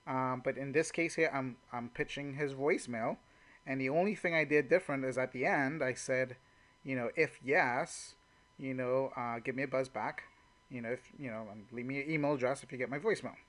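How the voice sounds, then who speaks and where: This network marketing trainer speaks in a mid-range, fairly bright voice, a little fast, as he walks through call examples. He's conversational and off the cuff, leaning often on "you know".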